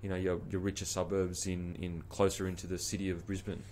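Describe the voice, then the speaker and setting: Aussie podcast host in his 30s, low voice, chatty and easygoing, keeps the guest talking, close studio mic. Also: little pitch movement, fairly quick, a little mellow, slight background noise. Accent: Australian. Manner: chatty, encouraging, casual slang. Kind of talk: podcast interview. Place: small studio with logo backdrop. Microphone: studio mic on boom arm.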